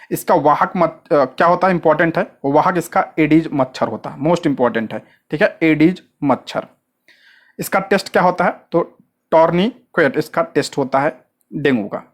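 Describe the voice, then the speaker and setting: A coaching teacher delivering an exam-prep lecture in a steady middle register. The delivery runs in a question-and-answer rhythm, each point posed and answered straight away, with frequent short check-ins and repeated stress on what matters. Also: mid-range voice, moderate pace. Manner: asks rhetorical questions and answers them at once.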